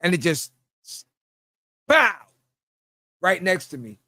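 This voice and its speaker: This podcast host, a middle-aged man with a New York accent, spins casual stories, chuckling and doing the voices of the people he quotes. He sounds high-pitched, sing-song, pushed and bright at a slow pace, in a dry, studio-quality recording.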